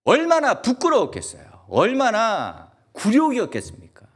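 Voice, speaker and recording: A male pastor with a Gyeongsang accent, preaching a lively sermon and asking the congregation question after question. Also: very high-pitched, normal speed. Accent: Gyeongsang Korean. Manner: animated, asks the congregation many questions; acts out quoted voices in dialect. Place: church sanctuary.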